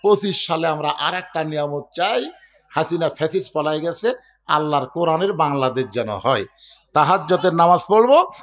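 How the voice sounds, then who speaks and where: A man from Bangladesh, preaching an impassioned sermon, shouting refrains and questioning the crowd. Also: on the high side. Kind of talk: fiery Islamic sermon.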